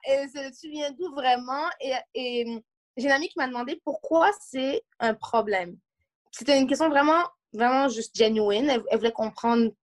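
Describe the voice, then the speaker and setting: A young woman from Montreal with a Quebec French accent, talking animatedly in a casual discussion and often restarting her sentences. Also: high-pitched. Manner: animated, questioning, restarts mid-thought. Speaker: panel discussant.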